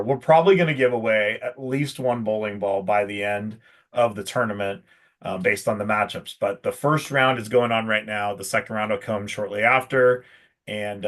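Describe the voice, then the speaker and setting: Male host, lower voice, easygoing live-stream banter, salesy and filler-heavy. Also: a bit bright. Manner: chatty, salesy, many fillers. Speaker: pro shop host. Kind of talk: casual live stream chat.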